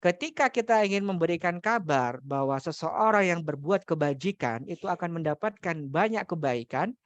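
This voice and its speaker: A man's voice: on the high side, animated, moderate pace, no echo, dull audio. A man teaching Arabic grammar in a study class, explaining step by step, repeating key terms and asking questions for his students. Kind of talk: religious study class lecture.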